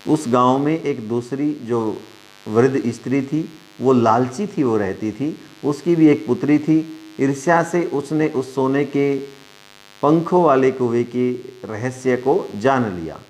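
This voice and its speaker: A man's voice: medium pitch, slow, darkish tone. A male Sanskrit teacher, giving an online class, reading a lesson aloud and translating it phrase by phrase for the children. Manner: reads a line then translates it phrase by phrase; addresses students as dear children.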